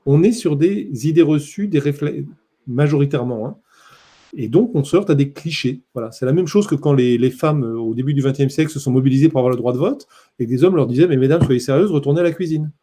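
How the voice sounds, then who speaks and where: A man's voice: medium pitch, animated, brisk, mellow, breathy edge. A man, a print journalist, giving a conference talk in an impassioned, emphatic way.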